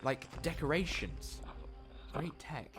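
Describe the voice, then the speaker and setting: A man playing the Doctor, an eccentric alien time traveler in an audio drama who talks quickly and theatrically and loves a grand explanation. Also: a little high, expressive, music in the background. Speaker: lead character. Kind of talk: fan audio drama acting.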